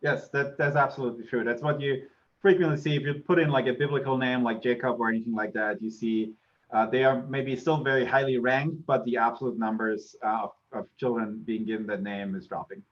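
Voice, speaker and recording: A middle-aged Austrian associate professor, a native German speaker with an Austrian accent, gives an informal university lecture online. He speaks briskly in a steady, medium-pitched voice, and the audio sounds dull.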